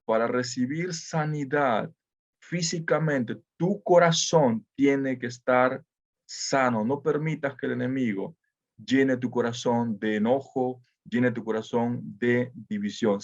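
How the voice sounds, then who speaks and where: A man's voice: medium pitch, slow. A man preaching a devotional sermon, earnest and driving his points home by repeating phrases.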